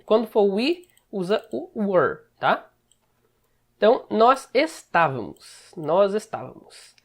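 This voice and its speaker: A man with a Brazilian Portuguese accent teaches English in a relaxed, conversational way. He breaks each phrase down step by step and keeps checking in with short asides to his viewers. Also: high voice, slow. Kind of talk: casual screen-share lesson.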